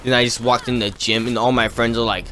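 A man's voice: medium pitch, flat delivery, fast talker, noisy background. Rambling teenage guy telling a story. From California. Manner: rambling, filler-heavy, laughs between lines. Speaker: gaming YouTuber. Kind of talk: casual storytelling over gameplay.

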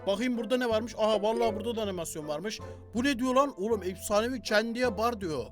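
A young man doing loud, joking gameplay commentary and talking back to the game characters as he plays. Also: sits high, quick pace, over music. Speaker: gaming YouTuber.

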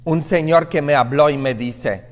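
Slow-preaching priest, high voice, churchy echo. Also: male voice. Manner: conversational preaching with frequent "¿ah?" asides and acted quotes. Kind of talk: sermon.

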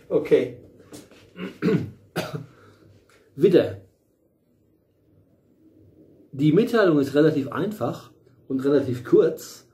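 A man's voice: a little high, animated, slow pace, pauses often, dark tone, a little hiss or hum. A middle-aged man giving a casual tarot reading at home, rambling with many fillers and restarts and the odd blunt aside. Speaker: tarot reader. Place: small room at home, in front of a bright window.

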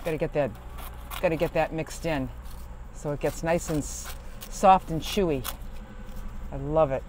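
Chatty man with a fairly high voice. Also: measured pace, a little mellow, a little hiss or hum, poor audio. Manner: rambling, chatty, many fillers and restarts. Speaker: van-life vlogger. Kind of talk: casual chat to camera. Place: parked van at a rest stop.

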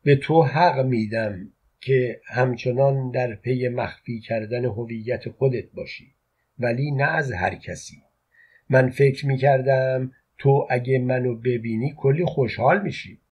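A man reading the lines of a tender, insistent woman who is an old flame, in a soft, intimate way, with a husky voice. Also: medium pitch, natural voice.

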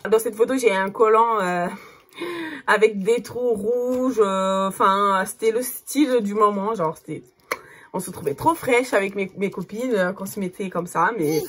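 Chatting to camera as a vlogger, a woman in her thirties speaks with a Cape Verdean Portuguese accent and a medium-pitched voice. She uses lots of fillers and gets distracted by her child. There is a slight hiss or hum on the recording.

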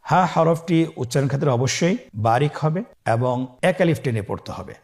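Man from Bangladesh, Quran tutor, somewhat high pitch, calm methodical lesson delivery. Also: brisk. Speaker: Quran teacher. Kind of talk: recorded reading lesson.

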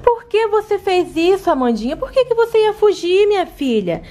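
A woman's voice: very high-pitched, big pitch swings, moderate pace, mellow, pitched below the performer's own voice. A Brazilian woman voicing a caring mother of a family of dolls, motherly and soothing, in a toy play video. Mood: scolding. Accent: Brazilian Portuguese.

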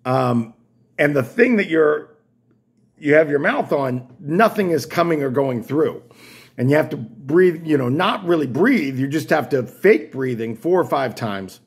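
A man's voice: fairly high pitch, animated, unhurried, breathy edge. A man vlogging, telling a story casually in a rambling, wry way with frequent restarts. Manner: rambling, self-interrupting, wry.

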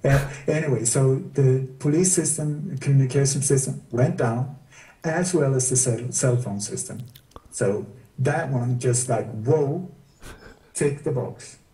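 Dark, distant man in casual interview. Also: medium pitch, unhurried. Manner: sarcastic rhetorical questions. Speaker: guest researcher. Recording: distant roomy mic.

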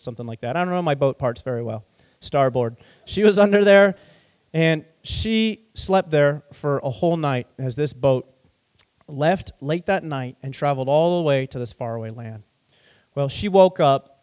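A pastor telling a story to children during a sermon, animated and asking the kids questions. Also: male voice, on the high side.

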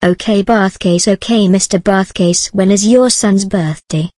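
A woman playing a polite female party clerk who takes bookings in a brisk, businesslike way. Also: medium pitch, fairly even intonation, darkish tone, no echo, natural voice.

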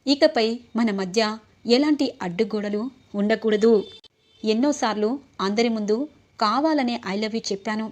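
A woman's voice: on the high side, moderate pace, a little mellow, natural voice. A woman reading the lines of an earnest, remorseful young husband in a retold serial scene.

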